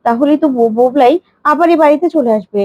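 A woman's voice: sits high, fast, darkish tone, dry recording, dull audio. A woman voicing a kind, devoted man who speaks earnestly and with care. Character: kind devoted man, the family's selfless helper.

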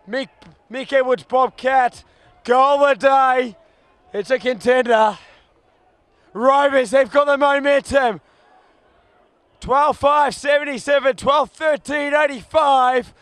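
A man calling a football match live, rattling off players in clipped bursts and shouting at big moments. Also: extremely high pitch, steady tone, slow pace, long pauses, dry recording. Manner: clipped bursts of names and actions. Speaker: football commentator. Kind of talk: live play-by-play commentary. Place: commentary box at an outdoor ground.

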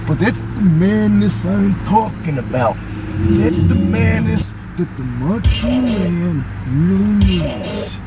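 A man playing a flamboyant, boastful macho pro wrestler with a strained gravelly growl, whooping and drawing out catchphrases in a drive-thru prank. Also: high-pitched, lively intonation, slow, loud music behind the voice, exaggerated voice, rough recording. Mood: manic, boastful. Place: inside a car at a drive-thru window.

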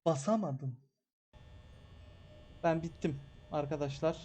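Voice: mid-range voice, slow, mellow, lo-fi sound. A streamer doing live horror gameplay commentary, grumbling and cursing constantly and shrieking at jumpscares. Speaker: game streamer.

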